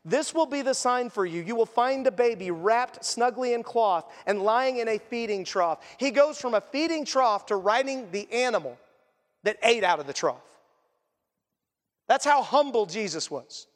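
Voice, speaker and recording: A man delivers a sermon in a fairly high voice, talking to the congregation in an earnest, conversational way. He often sinks to a hushed, soft tone to stress a point. His voice rings with the long reverb of a large church hall. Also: lively intonation, normal speed. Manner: earnest, conversational preaching with sudden quiet drops. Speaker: pastor.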